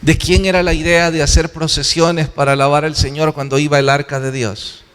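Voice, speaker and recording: A man's voice: on the high side, level tone, fairly quick, a bit bright, clean tone. A man preaching a sermon as pastor, earnest and exhorting, often asking questions and answering them himself. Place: church sanctuary. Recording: long hall reverb.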